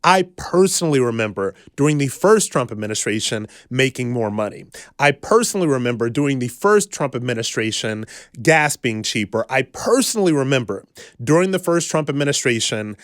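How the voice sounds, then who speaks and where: A man's voice: mid-range voice, animated, a little fast, dry recording, clean studio sound. A man giving a direct-to-camera political monologue, emphatic and building his points through repetition. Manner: emphatic, repetitive rhetorical delivery. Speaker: political commentator.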